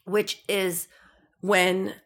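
A woman's voice: medium pitch, drawn-out words. A middle-aged woman in easy, casual conversation as a guest. She tells stories with lots of "like" fillers and slips into the voices of the people she quotes. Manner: animated storyteller, acts out quoted voices, many "like" fillers.

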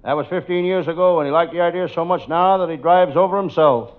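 An American actor playing an unflappable wisecracking detective in old-time radio comedy, delivering setups and punchlines. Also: male voice, a little high, quick pace, close to an everyday voice. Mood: wry joking. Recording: dull lo-fi old radio, loud noise.

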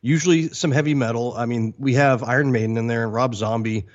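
A man's voice: mid-range voice, steady tone, brisk, dull audio. A man co-hosting a podcast, rambling through stories in casual chat and chuckling often. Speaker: podcast co-host.

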